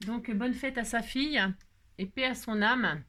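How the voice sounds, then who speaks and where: A French woman hosts a crafting vlog, chatting with viewers in a rambling, casual manner packed with fillers and self-interruptions. Her voice is fairly high, bright, and forceful, delivered at a measured pace.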